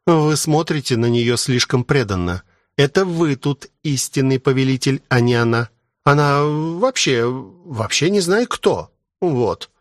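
A man's voice: mid-range voice, expressive, unhurried, no room sound, clean studio sound, voice pushed up, close to an everyday voice. A man voicing a clingy, dramatic young female maid who pleads and sobs theatrically. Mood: pleading.

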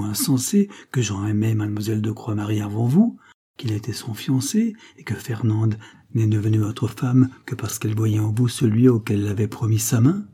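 A man's voice: fairly low pitch, mellow, breathy edge. A man voicing a scheming, cruel Creole woman with a sugary, coaxing delivery in a read-aloud novel.

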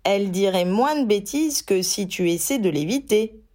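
A woman voicing a clever young witch who gives brisk, instructive advice. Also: mid-range voice, expressive, a little mellow, natural voice. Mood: advising.

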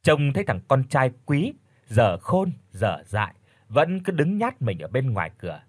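A man reading a story aloud as an expressive audiobook narrator. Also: mid-range voice, unhurried, slightly rough, dry recording, clean studio sound. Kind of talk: scripted narration.

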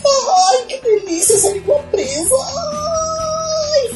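A woman putting on a gushing, affected lady presenter with drawn-out vowels and a lisp, in a comic talk-show parody. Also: on the high side, big pitch swings, a little mellow, faint music behind. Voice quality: lisping tongue-tied speech.

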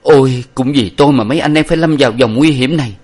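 A man's voice: medium pitch, quick pace, a little mellow, pitched above the performer's own voice, natural voice. A man voicing a loyal young male hero who weeps and laments solemnly. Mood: anguished.

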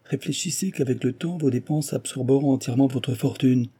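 A man voicing an earnest young woman, a gentle but firm heiress, pleading with a friend. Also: medium pitch, fairly quick, slightly rough, voice pushed up, lightly acted. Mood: earnest concern.

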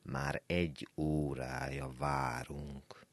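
A man voicing a grumpy, sleepy old man who complains slowly at a bus stop, in a radio story reading. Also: rumbling low, big pitch swings, vocal fry, no echo, full character voice. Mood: grumbling. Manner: slow, grumbling complaints.

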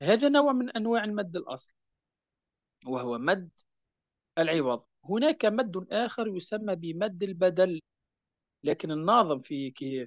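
A man teaching a lesson on Quran recitation rules, patiently repeating key points and slowing down to recite verse examples. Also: high voice, no room sound, dull audio. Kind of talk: explanatory lesson on tajweed.

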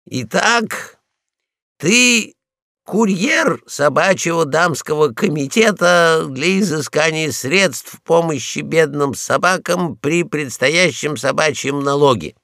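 A man voicing a pompous, bossy male guard dog in a storybook reading, loud and commanding. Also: on the high side, lively intonation, takes it slowly, no room sound, studio quality, pitched above the performer's own voice, exaggerated voice.

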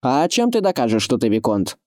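A man reading an audiobook, voicing a wary, gruff middle-aged village headman. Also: medium pitch, big pitch swings, measured pace, mellow, pitched above the performer's own voice. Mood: distrustful. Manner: distrustful, gruff.

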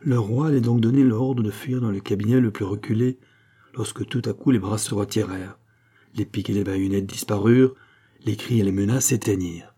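Low, husky male audiobook narrator. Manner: measured, steady reading. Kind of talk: scripted narration.

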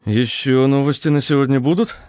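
A man's voice: medium pitch, brisk, a little mellow, no room sound, voice pushed up, lightly acted. A man voicing a wary, sardonic young man who talks in a dry, skeptical way.

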